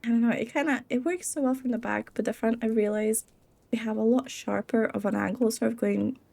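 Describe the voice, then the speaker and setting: A woman's voice: fairly high pitch, steady tone, brisk, creaky, mellow, no echo. A tired young woman giving casual, rambling gameplay commentary, giggling often and poking fun at herself. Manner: giggly, rambling and self-deprecating. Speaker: Minecraft let's play creator.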